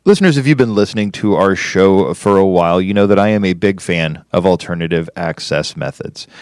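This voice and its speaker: A man's voice: low voice, a little fast, no room sound, studio quality. A man hosting an interview podcast, talking with enthusiasm and often repeating words as he restarts. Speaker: podcast host.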